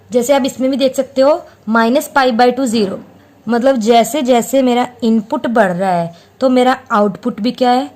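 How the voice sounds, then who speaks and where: Slightly high but darkish in tone, this woman's voice explains graphs in a patient maths lesson. She goes over her points again, answers her own questions, and switches between Hindi and English maths terms.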